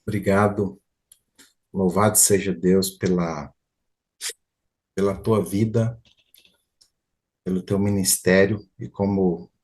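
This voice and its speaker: Low-voiced pastor giving thanks. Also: male voice. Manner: warm, thankful, conversational with fillers. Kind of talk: thanking the preacher after a sermon.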